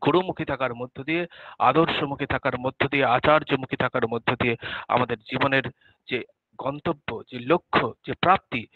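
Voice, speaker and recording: A man giving a devotional sermon, repeating phrases for emphasis and softening his voice when he speaks prayers. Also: mid-range voice, moderate pace, no room sound. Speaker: religious speaker. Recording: tinny phone-like sound.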